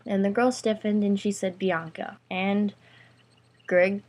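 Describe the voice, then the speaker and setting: A woman's voice: medium pitch, steady tone, a little slow, a little mellow. A woman vlogger casually improvising a rambling storytime narration.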